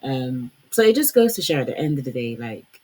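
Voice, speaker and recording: A woman's voice: very deep voice, very animated, a little fast, dark tone, husky, rough recording. A young woman giving casual commentary on fashion and branding, chatty and full of fillers. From Congolese heritage. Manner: conversational, lots of fillers like "like" and "you know".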